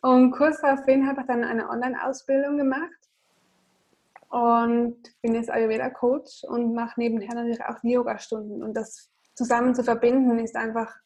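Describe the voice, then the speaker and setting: A woman's voice: a little high, level tone, moderate pace, darkish tone, poor audio. A woman podcast guest, a coach, answering questions in casual interview talk.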